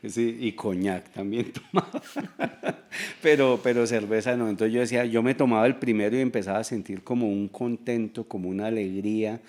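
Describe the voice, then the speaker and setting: Low-voiced man sharing testimony. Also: steady tone, fairly quick, a little mellow. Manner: reflective, confessional, with hesitant restarts. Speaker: testimony guest. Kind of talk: casual spoken testimony.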